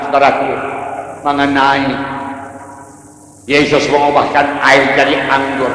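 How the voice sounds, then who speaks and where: Pastor guy preaching hard, repeats stuff, slightly high voice, tons of echo. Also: fairly bright tone. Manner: emphatic preaching, repeats key phrases. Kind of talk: sermon. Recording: echoey hall with long reverb.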